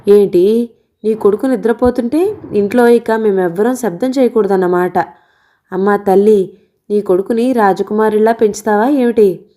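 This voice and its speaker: A woman's voice: mid-range voice, normal speed, close to an everyday voice. A woman doing a nagging village auntie. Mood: scolding, teasing. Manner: scolding and grumbling, shouts often. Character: loud, nagging, teasing middle-aged village woman.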